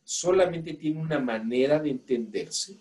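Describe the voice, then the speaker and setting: A man with a Mexican accent teaches a law class, questioning students and coaxing volunteers to read aloud. His voice is fairly high, expressive, a little mellow, and he speaks without hurry. It's a classroom lecture.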